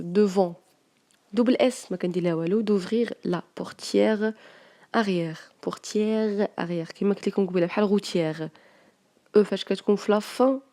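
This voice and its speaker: A woman teacher with a Moroccan accent, going through French spelling exercises and dictating words slowly. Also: medium pitch, dark tone.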